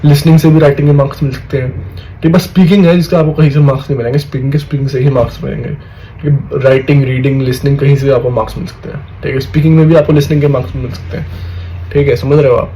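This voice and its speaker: A young adult student vlogger talks very fast in a mid-range, warm voice with fairly even intonation, giving his viewers exam tips in a chatty way. He keeps calling them "bhai" and repeating "theek hai" to check they're following. The recording is rough, with a little hiss or hum.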